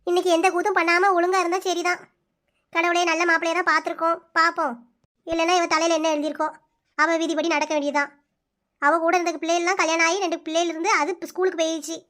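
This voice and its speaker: A woman's voice: very high voice, little pitch movement, quick pace, a bit bright. A woman voicing a worried, scolding middle-aged village mother in a cartoon, grumbling to herself. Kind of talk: cartoon voice-over.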